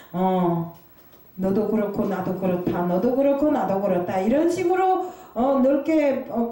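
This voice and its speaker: Heard from a distance in a heavily echoing room, a woman gives a confessional sermon, criticizing herself, asking rhetorical questions, and pausing hesitantly again and again. Her voice is warm and somewhat high.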